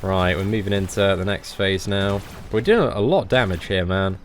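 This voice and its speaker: A young man giving casual game commentary as a boss guide, chatty and relaxed with lots of fillers. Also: low voice, moderate pace. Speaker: gaming channel host.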